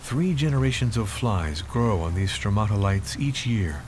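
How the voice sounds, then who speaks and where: A man's voice: fairly low pitch, lively intonation, moderate pace, darkish tone, slight background noise. A man delivering scripted narration for a nature documentary. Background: prominent background music.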